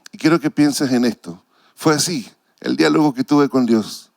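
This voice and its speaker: Earnest pastor with a dry close sound. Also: male voice, medium pitch, moderate pace, creaky, a little mellow, no echo. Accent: Chilean Spanish. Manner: earnest, emotional preaching with repeated phrases. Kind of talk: sermon.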